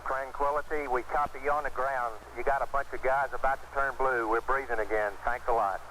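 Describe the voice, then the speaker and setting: A man's voice: mid-range voice, steady tone, a little fast, bright, forceful tone. A man at mission control speaking in clipped radio procedure over a crackly space radio transmission. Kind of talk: terse radio exchange. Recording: hissy archival radio link.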